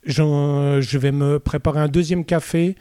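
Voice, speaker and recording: In a casual interview chat, a middle-aged musician from Switzerland speaks with a Vaud Swiss French accent and lots of hesitant fillers. His slightly high voice is steady, warm, and unhurried, captured as a clean, dry studio recording.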